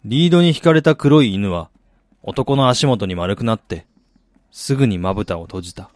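An actor's fairly low, slightly mellow voice is expressive and lightly acted, moving at a moderate pace with no room sound. He portrays a weary, disillusioned man back in his dying hometown in a radio drama, giving first-person narration and dialogue. His manner is brooding, resigned, and self-deprecating.

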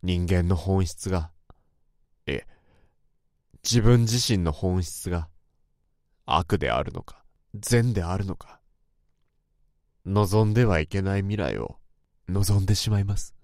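A deep, darkish male voice speaks a little slowly with frequent pauses, recorded dry with studio quality. He is the narrator and lead, playing a troubled, introspective young office worker who tells his own story in the first person in a brooding, anxious manner.

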